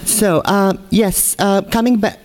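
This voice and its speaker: A woman's voice: mid-range voice, fairly even intonation, takes it slowly, darkish tone, a little hiss or hum. A middle-aged woman from Malaysia giving a conference talk at a podium microphone in a large hall, earnest and pleading, repeating phrases for emphasis. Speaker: conference speaker.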